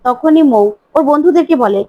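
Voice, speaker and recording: A woman with a high voice recaps a TV serial in a casual, lively way and reads out the characters' lines as she goes. The recording is dry and close, with a slightly muffled, dull tone. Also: dry recording. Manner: quick, animated retelling that slips into characters' lines. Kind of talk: casual retelling with acted quotes.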